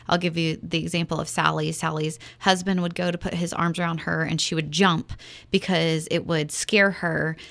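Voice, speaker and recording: A woman co-hosting a faith podcast tells a story in an earnest, casual way, with frequent fillers. Her voice sits low and carries a lot of vocal fry. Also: a bit bright. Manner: earnest, many fillers, acts out quoted dialogue. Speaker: podcast co-host.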